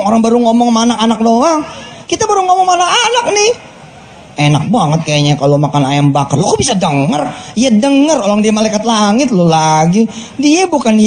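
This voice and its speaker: A man preaching a lively sermon, telling animated stories and acting out voices in casual street slang. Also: slight background noise. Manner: animated storytelling, acting out voices with big pitch swings.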